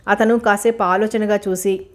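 A woman reads a novel aloud as an audiobook narrator. Her delivery is steady and measured, and her pitch sits in a middle range.

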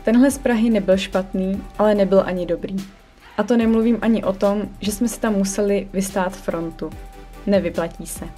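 Young woman doing a chatty vlog voiceover, mellow warm voice, soft music under it. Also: medium pitch. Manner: upbeat, chatty, enthusiastic reviewing. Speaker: vlogger and online secondhand shop owner. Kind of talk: scripted vlog voice-over. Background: faint background music.

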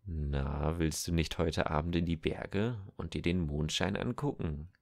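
A man's voice: deep voice, unhurried, darkish tone. A man doing a sneering mounted soldier. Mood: mocking. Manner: sneering and threatening. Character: mocking soldier on horseback, cruel.

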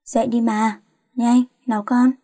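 A woman's voice: on the high side, little pitch movement, measured pace, dark tone, husky, no room sound, studio quality. A woman voicing a middle-aged mother who nags and scolds her grown daughter. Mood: nagging. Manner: nagging, scolding. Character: nagging middle-aged mother, fussy and worried.

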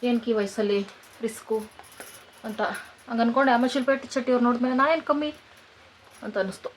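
Filming her village home vlog inside and out, a woman of about twenty-eight speaks with a rural Kanakapura-area Kannada accent, teasing viewers like friends and cooing at her pets. Her voice is on the high side, steady and quick, with a little hiss or hum.

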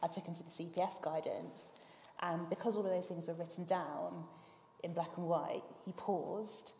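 A woman on a panel, speaking as a barrister and telling a story with quick emphasis. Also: lowish voice, fairly even intonation, darkish tone, a little hiss or hum. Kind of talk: panel discussion. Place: lecture hall. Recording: roomy hall reverb, faint ambience.

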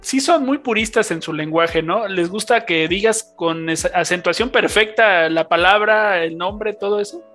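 Relaxed podcast host with a Mexican Spanish accent. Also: mid-range voice, normal speed, hardly any pauses, soft background music. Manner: relaxed questioning, tag questions and filler restarts. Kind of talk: casual podcast interview.

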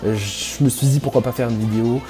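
Male gamer commentating live; cusses a lot, mutters then yells, middle pitch, soft music underneath. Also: fast. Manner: excitable, swears often, swings from low muttering to loud yelling. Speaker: gaming YouTuber.

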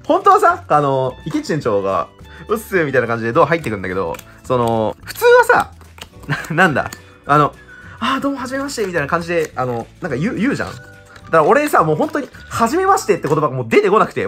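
A man in his twenties chatting casually and excitedly while opening trading-card packs, laughing often. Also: medium pitch. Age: 20s. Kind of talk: casual chat while unboxing.

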